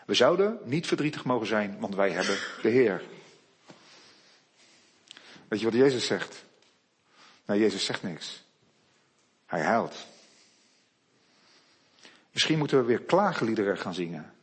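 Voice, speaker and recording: A man preaching a sermon, reading Bible passages slowly and quietly, then building to loud, emphatic declarations. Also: on the low side, very animated, husky.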